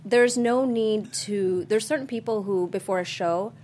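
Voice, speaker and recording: A woman from Sri Lanka, a guest on a talk show, explaining her fitness routine and skincare products in an earnest, measured way. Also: mid-range voice, a little mellow, slight background noise. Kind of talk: casual talk-show chat.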